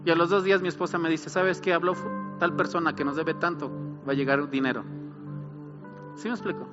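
A man's voice: fairly high pitch, steady tone, a little fast, big-room sound, highs cut off, over music. A middle-aged man, preaching a sermon as pastor, building emphasis and asking rhetorical questions.

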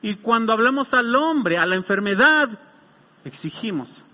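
A man delivers an emphatic sermon in a high, bright voice and keeps checking in with rhetorical questions. The recording is dull and muffled, and a long reverb trails behind his words in the church. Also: expressive, unhurried. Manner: emphatic, asks the congregation frequent rhetorical questions. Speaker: pastor.

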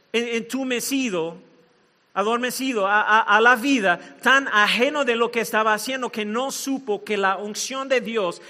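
A man with a Mexican accent preaching a sermon, telling the story in a lively, playful way. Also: high-pitched, big-room sound. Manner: animated storytelling, playful asides, sound effects.

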